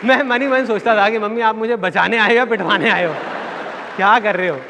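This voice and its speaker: A man's voice: high-pitched, fairly quick, a crowd in the background, noisy background. A man giving a motivational seminar talk, telling stories and acting out the voices of people in them, repeating his key phrases. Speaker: motivational speaker. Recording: long hall reverb, faint audience.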